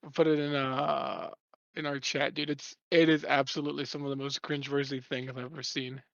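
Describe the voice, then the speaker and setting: A man's voice: mid-range voice, little pitch movement, a little fast, gravelly, dry recording, highs cut off. A young man casually co-hosting a podcast, telling a rambling story full of swearing. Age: young adult. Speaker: podcast co-host.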